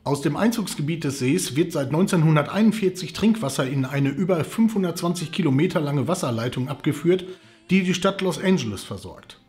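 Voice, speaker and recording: A man in his forties with a slightly high, slightly mellow voice hosts a travel channel. He presents scripted narration to camera from an indoor living room, with background music playing.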